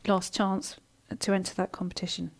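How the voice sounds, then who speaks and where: Speaking at a moderate pace in a mid-range, creaky voice with little pitch movement, a woman hosts live online coaching. She's chatty and warm, answering viewer comments casually with plenty of ums and restarts.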